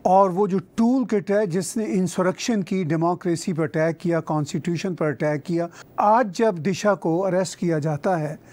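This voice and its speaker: A man's voice: high-pitched, moderate pace, few pauses, darkish tone. A man hosting a talk show interview, framing his questions in a pointed, opinionated way.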